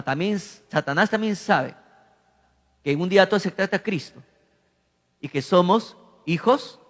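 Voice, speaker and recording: A male pastor preaches a teaching sermon, repeating lines and telling listeners to write notes. His voice is high, and it climbs sharply in pitch and volume when he reads out the demons' cries. A long church hall reverb trails after his words. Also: a bit bright. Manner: repeats verses and lines for emphasis.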